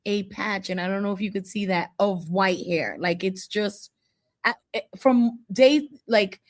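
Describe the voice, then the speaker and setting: A woman's voice: mid-range voice, unhurried. Woman in her 40s, podcast cohost, casual chat, strong opinions, kinda playful. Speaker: podcast co-host.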